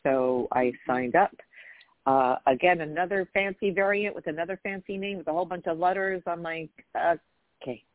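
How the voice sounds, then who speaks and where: With a lowish voice at normal speed, this radio co-host trades casual banter full of exclamations and restarted sentences. The sound is a dry, tinny phone line with no echo.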